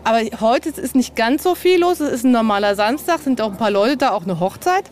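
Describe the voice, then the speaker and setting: On a castle visit, a woman author appears as a podcast guest, chatting informally and easily while thinking aloud. Her fairly high voice moves quickly with lively intonation, and the location recording carries background ambience.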